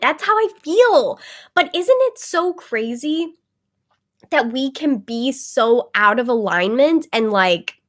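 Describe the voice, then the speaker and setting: Livestreaming tarot readings over her webcam, a woman rambles casually to viewers, leaning heavily on "like" as a filler. She has a fairly high pitch and a fairly bright tone, and her voice comes across a bit phlegmy and congested.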